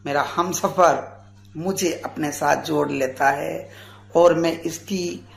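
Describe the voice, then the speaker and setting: Slow, earnest man in his forties. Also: a little high, steady tone, vocal fry, echoey room. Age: 40s. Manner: measured, earnest, formal delivery. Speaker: radio guest. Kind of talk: formal tribute speech.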